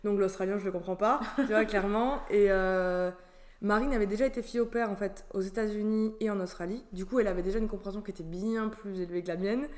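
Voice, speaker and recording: A woman from France talking casually as a guest, chatty and quick to laugh between sentences. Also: medium pitch, steady tone, a little mellow. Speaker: guest sharing travel stories. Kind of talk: casual conversation.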